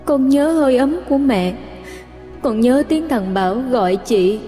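A man voicing the gentle, sorrowful ghost of an eighteen-year-old girl, speaking softly and tenderly. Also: very high voice, lively intonation, unhurried, pitched above the performer's own voice. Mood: sad tender. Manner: soft, pleading, tender. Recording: narration with faint music, long reverb.

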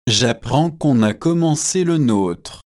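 A man reading aloud and voicing an irritable young male student, in a slow, measured way. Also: mid-range voice, lively intonation, a little mellow. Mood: irritated.

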